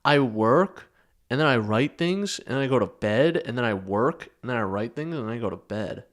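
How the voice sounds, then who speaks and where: Young male podcast co-host, mid-pitched, loose and rambling, casual profanity. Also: lively intonation, moderate pace. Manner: rambling, swears casually, restarts sentences. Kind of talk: casual chat.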